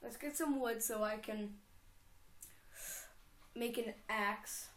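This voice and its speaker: A young woman's slow, fairly high voice rambles and giggles as she comments casually on her own game in a let's play. The chatty self-talk comes through with a reverberant sound.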